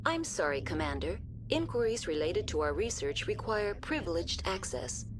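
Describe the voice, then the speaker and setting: This is scripted game dialogue: a woman portrays a polite, emotionless AI in charge of a research station, giving formal system announcements. Her voice sits on the low side and has a sing-song quality at normal speed, calm and impassive against background noise.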